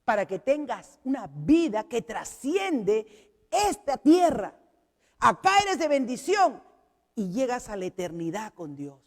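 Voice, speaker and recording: A woman's voice: a little high, darkish tone, long reverb tail. A woman with a Peruvian Spanish accent preaching a sermon, telling a personal testimony to her congregation in an earnest way. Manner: earnest, storytelling, addresses the congregation as brothers. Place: church hall.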